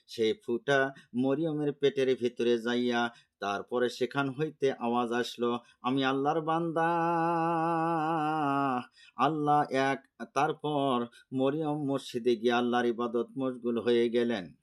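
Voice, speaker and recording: A man preacher telling a sacred story in a sing-song chant that suddenly soars loud. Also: mid-range voice, steady tone, measured pace, clean tone. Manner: singsong chanting delivery with sudden loud soaring rises. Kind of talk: waz sermon storytelling.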